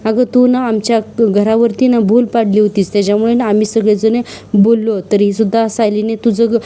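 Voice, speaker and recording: A woman's voice: fairly high pitch, little pitch movement, moderate pace, mellow, lightly acted. A woman voicing a wounded middle-aged mother who scolds reproachfully.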